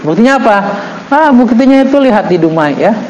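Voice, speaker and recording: A man teaching an Islamic book study. He reads Arabic text slowly, then explains it with joking asides. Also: very high voice, animated, darkish tone, echoey room, lo-fi sound, a little hiss or hum. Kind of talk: religious book study lesson.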